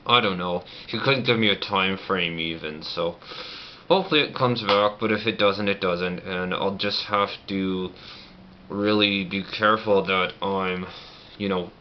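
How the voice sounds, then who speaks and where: Low-voiced man talking through banded-shut jaw. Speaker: vlogger. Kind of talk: casual personal vlog chat. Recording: muffled lo-fi audio, clear background noise.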